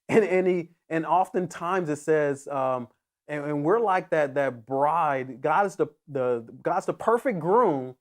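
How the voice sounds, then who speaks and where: A man preaching a sermon as pastor, earnest and emphatic, often restarting his phrases as he builds toward a point. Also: on the high side.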